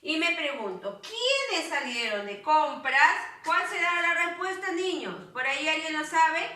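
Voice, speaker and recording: A woman's voice: sits high, animated, unhurried, sharp tone, distant mic. A woman teaching a grammar class to children, patiently repeating and asking them questions, with a Peruvian Spanish accent. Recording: echoey room, voice off-mic.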